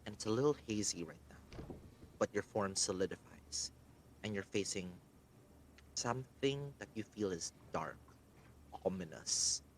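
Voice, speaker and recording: A man running a tabletop role-playing game as game master, narrating dramatically with pauses. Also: lowish voice, lively intonation, slight background noise, low-quality recording.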